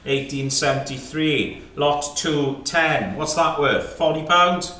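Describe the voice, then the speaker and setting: Speaking slowly in a fairly high, pushed and bright voice, a British man runs an antiques auction, calling lots and climbing bids in clipped figures while urging the room again and again. The echoey indoor sale room is picked up by a distant mic.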